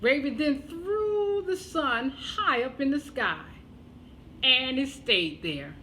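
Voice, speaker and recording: A woman telling a children's tale as a storyteller, expressive and deliberate, with dramatic pauses. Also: high voice, slight background noise, low-quality recording.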